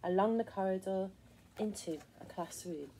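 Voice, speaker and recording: In a husky, mid-range voice at normal speed, a woman reads a children's picture book aloud during story time. She keeps her tone gentle, expressive and encouraging.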